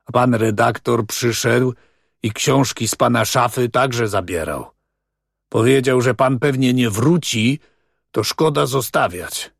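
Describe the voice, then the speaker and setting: A man reading as a tearful, whining man who pleads and laments a robbery in sobbing, monotonous words. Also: medium pitch, unhurried, creaky, no echo, clean studio sound. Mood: lamenting.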